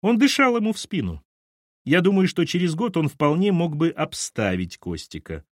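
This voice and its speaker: A man voicing a sharp, businesslike middle-aged woman who answers curtly in an audiobook. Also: on the high side, very animated, normal speed, dry recording, clean studio sound, voice pushed up. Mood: clipped, defensive. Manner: curt and clipped.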